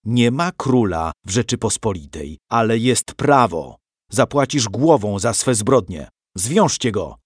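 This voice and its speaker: A man's voice: medium pitch, very animated, darkish tone, dry recording, clean studio sound. A man doing a stern old nobleman. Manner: firm, deliberate, emphatic. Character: stern older nobleman, father, firm and dignified.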